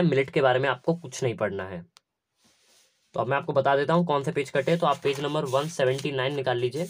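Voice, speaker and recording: Young male teacher, a bit high-pitched, methodical and repetitive delivery. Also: a little hiss or hum. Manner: instructive, repetitive, step by step. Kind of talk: syllabus walkthrough lesson.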